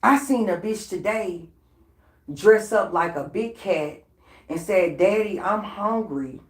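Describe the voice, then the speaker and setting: A woman's voice: fairly low pitch, takes it slowly. A woman vlogger in a casual, unscripted rant, blunt and profane and laughing between lines. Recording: roomy echoey room.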